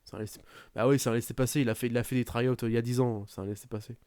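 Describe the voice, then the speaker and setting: A man hosting a wrestling podcast in casual chat, sarcastic and animated, with lots of fillers. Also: mid-range voice, racing, no echo. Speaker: podcast host.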